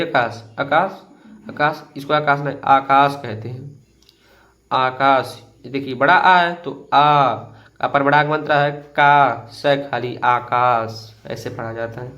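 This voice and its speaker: A man teaching beginners to read Hindi, patiently repeating each word slowly and addressing viewers as friends. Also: medium pitch, pushed and bright.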